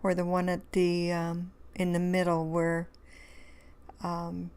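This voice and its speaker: A hoarse woman, rambling through a relaxed crafting tutorial voice-over with many fillers and restarts. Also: fairly low pitch, takes it slowly. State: hoarse, losing her voice. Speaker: craft video host.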